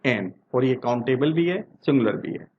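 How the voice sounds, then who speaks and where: A man teaching English grammar in Hindi. He asks his class questions and answers them himself, and reads the example sentences slowly. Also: mid-range voice, expressive, lo-fi sound, slight background noise. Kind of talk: Hindi-language grammar lesson.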